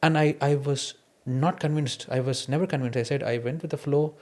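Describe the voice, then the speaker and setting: A podcast host with an Indian accent, whose native language is an Indian mother tongue rather than English, reflects candidly on his experiences and tells personal anecdotes. His mid-range voice is a little mellow, with fairly even intonation and a fairly quick pace.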